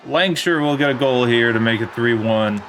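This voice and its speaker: A young man giving casual play-by-play commentary on a football video game match, in a plain, steady way that turns let down when his side concedes. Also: medium pitch, normal speed, faint music behind. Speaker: gaming commentator.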